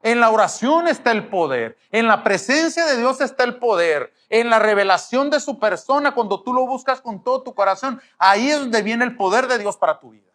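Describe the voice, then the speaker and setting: A man's voice: very high voice, animated, normal speed, hardly any pauses, fairly bright tone. A middle-aged man preaching a sermon, emphatic and asking the audience rhetorical questions. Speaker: pastor.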